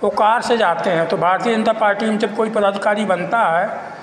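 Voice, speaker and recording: A man giving an informal, halting and repetitive spoken account as a local citizen. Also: sits high. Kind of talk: informal spoken monologue of complaint and appeal. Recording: echoey reverberant room with faint noise.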